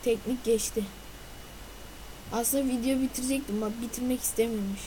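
A woman's voice: on the high side, steady tone, a little fast, background noise. A woman hosting a let's play video, chatting to her viewers while she plays and bursting into silly noises and outbursts at the game. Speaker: gaming video host. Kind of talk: let's play gameplay commentary.

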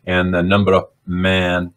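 Older Dutch-born man, 80s, deep and low, hesitant storyteller on a video call. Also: monotone. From Netherlands. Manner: halting, with many fillers and restarts. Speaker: interview guest, Holocaust-era survivor. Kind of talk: remote interview recollection. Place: small home office indoors. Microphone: video call webcam.

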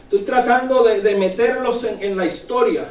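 A man preaching a sermon in church, animated, rising to shouts and checking in with the congregation. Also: very high-pitched, normal speed. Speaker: pastor. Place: church sanctuary. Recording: echoey church, voice from far off the mic.

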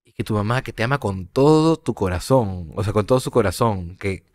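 A young man, a podcast guest telling a personal story in a halting, reflective way, often repeating words. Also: on the low side, expressive, a little mellow.

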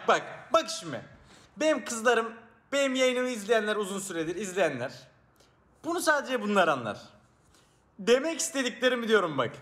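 A man with a high voice streams live, joking and teasing his viewers as a mock teacher. His pitch climbs and dips all over the place, and he swings from loud outbursts to low mumbles.

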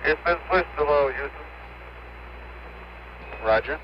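A man's voice: a little high, slow pace. A man talking in terse, clipped mission radio calls over a crackly, breaking-up space radio link. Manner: terse, procedural call-and-answer. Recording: muffled, hissy radio transmission.

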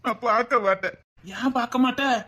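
Tirunelveli Tamil accent, actor playing a sulky defensive young man, rapid talk, piercing bright tone. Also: very high-pitched. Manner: whiny, defensive. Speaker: comedy sketch actor. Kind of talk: comic sketch banter.

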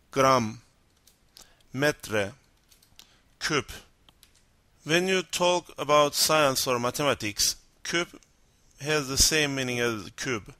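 A man with a Turkish accent, a native Turkish speaker teaching vocabulary, reading out word lists one by one and explaining them slowly. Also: mid-range voice, bright, forceful tone, no room sound. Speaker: language teacher.

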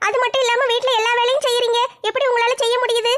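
A woman's voice: very high-pitched, little pitch movement, fast, a bit bright, voice pushed up. A woman voicing a young, apologetic sister-in-law in a comedy family skit. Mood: surprised. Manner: pleading, apologetic.

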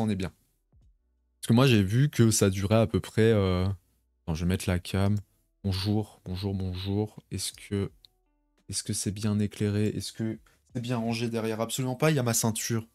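Young male streamer, rambling and chatty at home, slightly low voice, dry close mic, faint music behind. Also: darkish tone, dry recording. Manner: rambling, chatty, talks to viewers in chat. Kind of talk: casual live stream chat. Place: home bedroom.

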